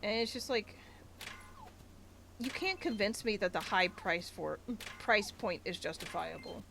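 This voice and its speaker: A woman's voice: medium pitch, lively intonation, unhurried, creaky, fairly bright tone, faint music behind. A woman streaming a game, chatting casually and ranting in a rambling way with lots of filler words. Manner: rambling, ranty, many filler likes. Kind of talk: casual gaming livestream commentary.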